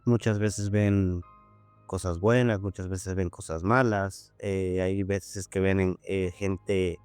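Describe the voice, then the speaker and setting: A man's voice: low-pitched, little pitch movement, slow, darkish tone, smooth, dry recording, faint music behind. A man hosting a podcast, talking thoughtfully and hunting for words with lots of fillers. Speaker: podcast host. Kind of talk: casual chat.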